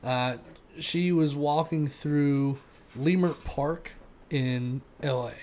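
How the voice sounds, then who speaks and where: A man's voice: fairly high pitch, slow pace, a little mellow, a little hiss or hum. A man, co-hosting a podcast and telling a true-crime story in loose, casual chat with fillers and swearing. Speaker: podcast co-host.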